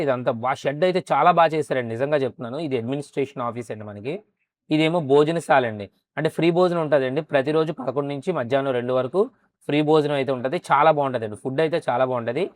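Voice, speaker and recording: Smooth, dry-voiced male vlogger. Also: mid-range voice, no echo. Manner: polite, adds a respectful "andi" often while showing the site. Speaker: travel vlogger and temple guide. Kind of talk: narration and casual guided tour.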